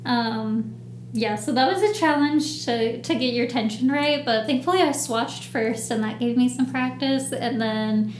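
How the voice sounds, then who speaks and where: Chatty woman, higher voice, echoey room. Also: measured pace, a little hiss or hum. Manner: chatty and rambling, with fillers. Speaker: podcast co-host. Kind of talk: casual chat.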